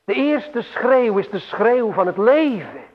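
A man preaching a sermon slowly and solemnly, with emphatic swells and long pauses. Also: extremely high pitch, sing-song. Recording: tinny phone-like radio broadcast with long hall reverb.

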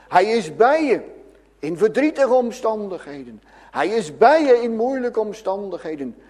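High, lively-voiced preacher in an echoing hall. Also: male voice. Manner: dramatic swings between loud calls and hushed lines. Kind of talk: sermon addressed to children and adults.

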